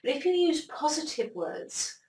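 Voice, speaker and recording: A woman talks through ideas as an interview guest, lively and acting out the mind's little voices. She sounds a bit far from the mic in a roomy space, with a faint hiss behind her. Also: high voice, unhurried. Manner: animated explainer, acts out inner voices. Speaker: interview guest, brain expert. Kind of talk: conversational interview.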